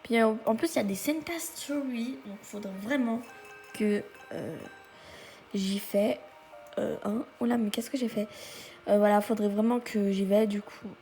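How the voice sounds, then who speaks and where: A woman giving casual gameplay commentary in a chatty, halting way, often exclaiming at what she finds. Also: mid-range voice, mellow, faint music behind. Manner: halting, many hesitations. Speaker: gaming video creator.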